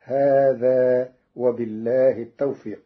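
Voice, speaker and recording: Slow, measured man on old radio. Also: medium pitch, fairly even intonation. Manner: measured, deliberate, draws out quoted verses. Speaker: radio presenter explaining recitation variants. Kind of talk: scripted radio lesson on Quran readings. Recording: dull old radio broadcast recording.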